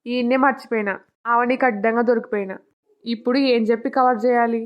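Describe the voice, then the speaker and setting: A woman's voice: fairly high pitch, steady tone, fast talker, close to an everyday voice. A woman voicing a nervous secretive young husband. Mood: anxious. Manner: anxious muttering to himself. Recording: dull lo-fi recording.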